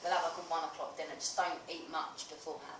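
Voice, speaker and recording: A woman's voice: low-pitched, little pitch movement, fast talker, a bit bright, reverberant, recorded from a distance, slight background noise, low-quality recording. A British woman co-hosting a podcast, chatting casually in a blunt, teasing way and swearing now and then. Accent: British English. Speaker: podcast co-host. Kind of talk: casual chat.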